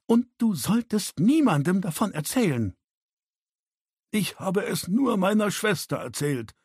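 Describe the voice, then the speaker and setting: A man's voice: fairly high pitch, sing-song, a little slow, breathy edge, no echo, clean studio sound, voice pushed up, heavily acted. A man voicing a worried older father in an audiobook, pleading and defensive.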